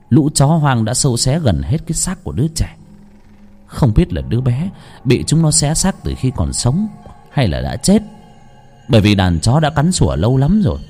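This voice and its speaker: A man narrating a ghost story in a dramatic, lively storytelling manner. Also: mid-range voice, slightly rough.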